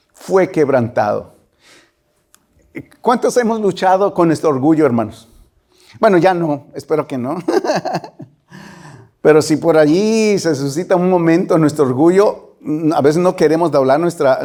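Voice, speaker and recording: A man preaching a sermon, emphatic and animated, dropping at times to a whisper. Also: a little high, measured pace, pauses often. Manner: emphatic, rising and falling delivery with whispered asides. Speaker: pastor.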